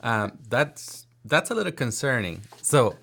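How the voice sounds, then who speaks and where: A man's voice: mid-range voice, very animated, vocal fry, crowd noise. A man hosting a casual technical chat, thinking aloud with frequent restarts and asking follow-up questions. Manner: halting, many fillers and restarts, inquisitive.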